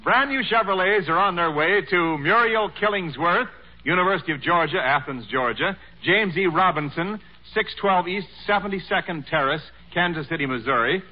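A high-pitched male announcer reads in the formal, declamatory manner of old radio serials. The sound is dull and lo-fi, like a 1940s broadcast. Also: normal speed. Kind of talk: old radio announcer, reading contest winners.

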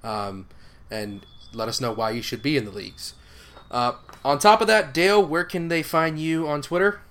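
A man's voice: on the high side, normal speed, fairly bright tone. A man co-hosting a fantasy football podcast in casual chat, laid-back and joking, with casual swearing. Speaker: podcast co-host.

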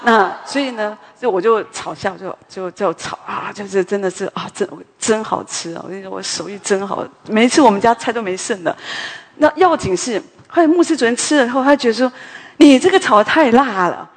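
A woman preaches in a chatty, animated storytelling way, drifting into side remarks as she goes. Her voice is slightly husky and sits in a middle range. The sound carries a long hall reverb. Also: medium pitch, a little fast. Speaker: preacher at a women's morning prayer meeting. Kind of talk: conversational sermon with storytelling.

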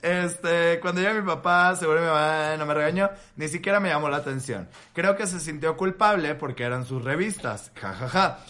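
A man co-hosting a podcast in a bright, forceful voice, set a bit high. He jokes crudely and reads a listener's story aloud in casual chat, close on a studio mic. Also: normal speed, hardly any pauses. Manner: joking, crude, laughs often. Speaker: podcast co-host.

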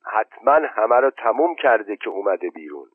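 A man's voice: lowish voice, big pitch swings, no room sound. A man voicing a stern older village headman who calls out commands, on a tinny, narrow-band recording. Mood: calling, urging. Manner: calling out loudly, commanding.

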